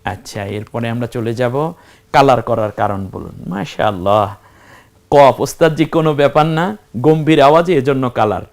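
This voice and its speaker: A man's voice: mid-range voice, normal speed, gravelly. A man teaching Quran reading, asking questions and answering them himself while spelling out letters one at a time. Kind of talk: step-by-step recitation lesson.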